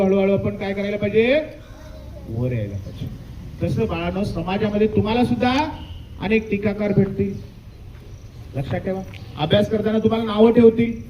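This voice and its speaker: Male children's storyteller with a high voice, who quizzes his young listeners and repeats key words; slightly dull recording. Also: dark tone, a little hiss or hum. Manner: asks the listeners questions and answers them himself, repeating key words.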